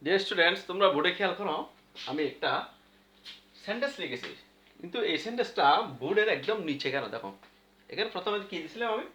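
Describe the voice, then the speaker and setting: A male English teacher with a Bangladeshi Bengali accent gives a grammar lesson at a board, patiently repeating rules and both asking and answering his own questions. His high-pitched voice is bright and forceful, with lively intonation, a quick pace, and long pauses. The recording is echoey, dull, and lo-fi.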